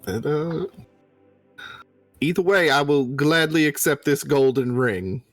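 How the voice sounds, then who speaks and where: A man's voice: on the high side, slow, dry recording, soft background music. A man playing a tabletop game, improvising in-character chat in a hesitant, politely worded way.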